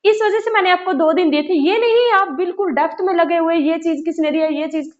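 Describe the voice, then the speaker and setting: A woman's voice: very high voice, brisk, highs cut off. A woman teacher giving casual study guidance, repeating key points and answering her own questions. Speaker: exam-prep teacher.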